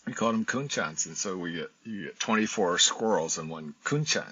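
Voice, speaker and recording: Speaking at a moderate pace, this American scholar in his sixties tells his story reflectively as an interview guest, often saying "um." His deep voice is expressive, bright and forceful, with a breathy edge. The recording is dull and lo-fi, with faint hiss.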